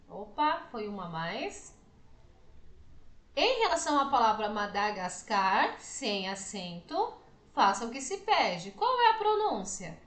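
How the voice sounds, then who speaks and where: A woman teacher with a Brazilian Portuguese accent, explaining a lesson slowly and often asking questions to check understanding. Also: on the high side, fairly bright tone, roomy sound. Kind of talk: slow, deliberate classroom explanation to students.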